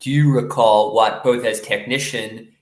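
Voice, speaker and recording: A man hosting an interview, offering short affirmations and asking measured questions. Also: mid-range voice, fairly even intonation. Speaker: interview host. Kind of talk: conversational interview. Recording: roomy echo.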